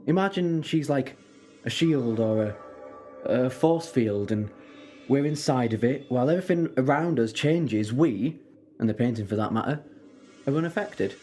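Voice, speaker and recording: A man acting a brooding, self-reproachful time-travelling Doctor in an audio drama, with deliberate, halting, theatrical phrasing. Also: medium pitch, animated, mellow, soft background music, lightly acted. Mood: gentle explaining.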